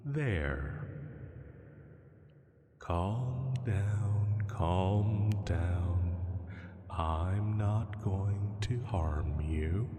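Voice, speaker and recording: In a roleplay sleep-aid drama, a man plays an enormous male dragon, his low voice heavily acted. He teases and soothes with gentle menace, sounding lazily amused and stretching out long pauses, all under a long cavernous reverb.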